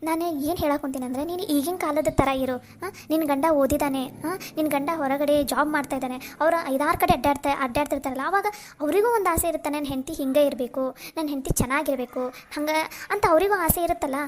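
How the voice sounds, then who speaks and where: A woman's voice: high-pitched, a little fast, a little hiss or hum, close to an everyday voice. A woman voicing a caring but firm young friend in a cartoon, comforting and lecturing.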